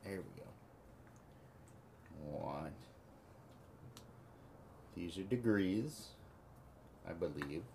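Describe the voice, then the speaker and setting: Brief: hoarse woman, extremely deep voice, calm with a kid, noisy home recording. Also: extremely slow, pauses often. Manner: calm, gentle with a child. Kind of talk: casual home chat. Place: family home indoors.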